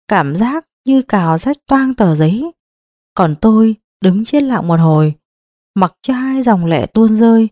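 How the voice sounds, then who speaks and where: A woman narrating a memoir audiobook in a measured, emotive storytelling manner. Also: mid-range voice, mellow, dry recording, studio quality.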